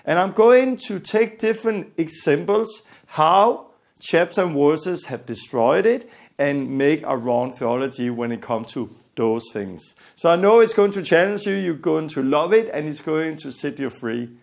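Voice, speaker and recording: An animated Bible teacher from Denmark speaks at a measured pace in a fairly high voice with vocal fry. Danish is his first language, his accent is Danish, and his earnest, emphatic lesson keeps repeating its key phrases.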